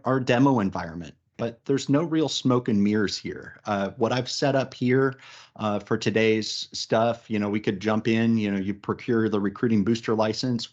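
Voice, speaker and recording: A man leading a software webinar, chatty and upbeat, with many fillers and restarts. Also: lowish voice, lo-fi sound. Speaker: webinar presenter, recruiting practice lead. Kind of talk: casual business webinar presentation.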